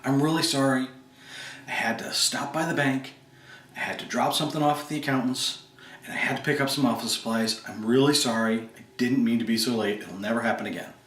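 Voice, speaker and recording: A man's voice: medium pitch, steady tone, a bit bright, close to an everyday voice. A man doing a flustered, apologetic business owner. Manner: hurried, apologetic, defensive. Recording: roomy, distant mic.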